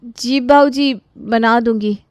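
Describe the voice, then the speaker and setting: A woman's voice: fairly high pitch, steady tone, slow, clean tone, no room sound, voice pushed up. A woman voicing a polite, weary, overworked young wife in a cartoon story.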